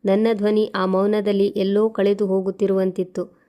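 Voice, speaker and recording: A woman reading a first-person moral story aloud in a steady, even way. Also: mid-range voice, moderate pace.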